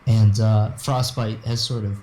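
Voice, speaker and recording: A man with a hoarse, raspy, smoker-like voice, very tired, chatting casually as a guest commentator and keeping his voice low. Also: fairly even intonation, unhurried, dark tone. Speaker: guest co-host, esports commentator. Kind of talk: casual chat. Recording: roomy, faint background noise.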